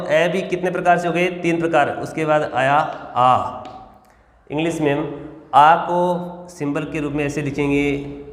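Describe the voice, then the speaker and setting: A male teacher giving a lesson, explaining step by step and answering his own questions. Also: on the high side. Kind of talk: classroom lesson. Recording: echoey room with long reverb.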